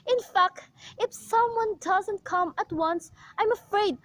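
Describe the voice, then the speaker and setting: A woman playing a frantic bedridden woman, very high. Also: slow pace, fairly bright tone, no echo, heavily acted, low-quality recording. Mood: anxious. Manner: frantic, pleading, breathless. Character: frightened bedridden woman alone at night. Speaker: invalid caller. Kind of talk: amateur radio play acting.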